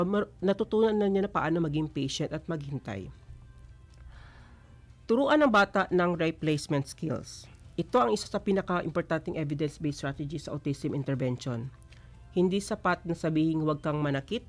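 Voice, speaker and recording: A man and father explaining parenting strategies calmly, switching between Tagalog and English. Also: a little high. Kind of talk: talk show advice segment.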